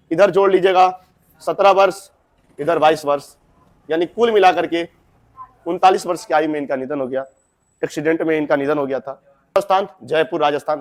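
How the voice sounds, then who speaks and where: A young man, explaining a story to students in a chatty way with direct asides. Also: on the high side. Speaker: teacher.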